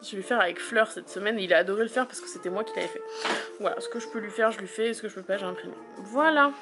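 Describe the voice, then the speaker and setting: A mother chatting casually as she calmly explains her child's schoolwork step by step. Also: mid-range voice, very fast, over music. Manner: explains step by step, calm and practical. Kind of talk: casual chat.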